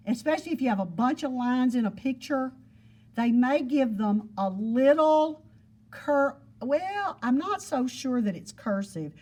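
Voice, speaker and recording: In a classroom full of students, a woman teaches geometry, explaining patiently and going over points again with everyday examples. Her voice is fairly high in pitch with a darkish tone, as fits a classroom lesson.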